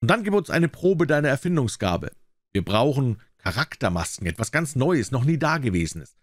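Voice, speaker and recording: A man's voice: mid-range voice, very animated, moderate pace, no room sound, clean studio sound, pitched above the performer's own voice. A man voicing a cruel, boisterous tyrant king in an audiobook, bellowing and mocking. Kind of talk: audiobook character voice.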